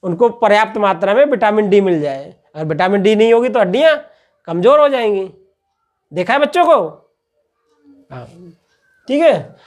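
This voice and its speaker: A man's voice: high-pitched, animated, normal speed, long pauses. Male lecturer, patient and repetitive, asks questions then answers them. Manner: repeats "ठीक है" after each point. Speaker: teacher. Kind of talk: classroom-style lecture.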